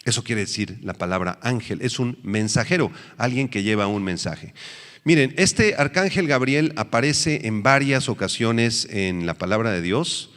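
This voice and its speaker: A man's voice: medium pitch, expressive, normal speed, a bit bright, in a large hall. A male pastor teaching a sermon, asking the congregation questions and answering them himself.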